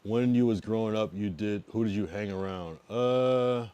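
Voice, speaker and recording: This man has a lowish, clear, resonant voice and speaks at a moderate pace. In his thirties and from the US East Coast, Massachusetts and Connecticut, he chats laid-back with livestream viewers, going loud and then mumbly.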